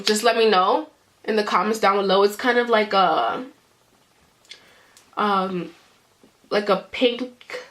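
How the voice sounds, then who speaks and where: A woman's voice: medium pitch, fairly bright tone. A young woman vlogger with a congested, stuffed-up voice, telling a story in casual chat full of ums and likes. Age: young adult. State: congested from a cold.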